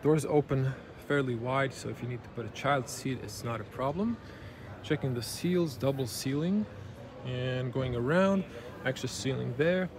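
A man's voice: mid-range voice, normal speed. A man in his thirties giving a casual car review, pointing out details one by one as he walks around and sits inside, filmed on a handheld camera at an indoor auto show. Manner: running commentary, pointing out details as he goes. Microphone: handheld camera mic. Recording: noisy auto show hall. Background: show hall ambience.

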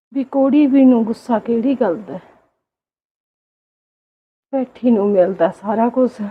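A woman acting as a meek elderly village mother in a homemade family drama, speaking softly in a pleading, resigned way. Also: medium pitch, husky, narrow, tinny audio. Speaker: neglected old mother in a family skit.

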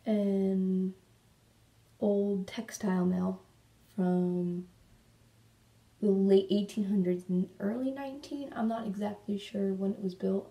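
Female vlogger, chatty and rambling, low gravelly voice, roomy echo from a distant mic. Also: dark tone. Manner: rambling, chatty, talks to her cat. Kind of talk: casual chat while doing makeup. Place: room at home. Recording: echoey room, mic at a distance.

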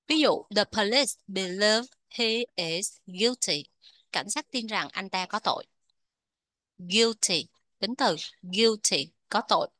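A woman with a Vietnamese accent teaching English vocabulary, repeating each word slowly before explaining it. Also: medium pitch, sharp tone, dry recording. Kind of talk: vocabulary lesson.

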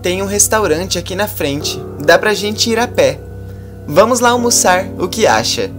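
A teasing young woman with a high, lilting voice, as a male narrator puts her on. She talks playfully and lightly, and her pitch jumps around a lot. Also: animated, unhurried, music in the background. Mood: cheerful.

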